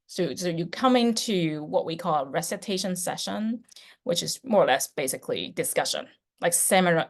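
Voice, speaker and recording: A middle-aged woman professor on a video call, talking chattily with many fillers and restarts. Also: on the low side. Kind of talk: online class introduction.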